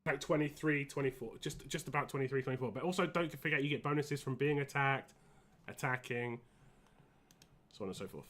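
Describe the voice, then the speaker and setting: Wheezy, bright-voiced man on a gaming stream. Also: mid-range voice, brisk. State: congested with a cold, wheezy, short of breath. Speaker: live streamer. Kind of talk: casual gaming stream chat.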